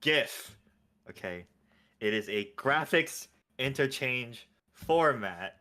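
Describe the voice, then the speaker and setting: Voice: medium pitch, expressive, takes it slowly, pushed and bright. A guest from North America on a podcast, chatting in a laid-back, self-deprecating way with mock-serious asides. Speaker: guest, VTuber agency manager. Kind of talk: casual podcast chat.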